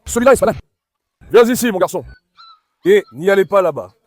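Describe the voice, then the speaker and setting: A man vlogging outdoors in a garden, calling and coaxing his puppies in a lively, animated way and talking to his viewers. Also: high voice, a little fast, no room sound. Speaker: dog breeder vlogger. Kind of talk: casual vlog talk to puppies and viewers.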